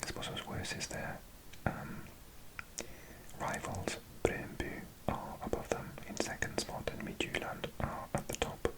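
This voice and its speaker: A Welsh man in his forties whispers softly as an ASMR host, slowly reading out a list of results and adding chatty asides. The recording is rough.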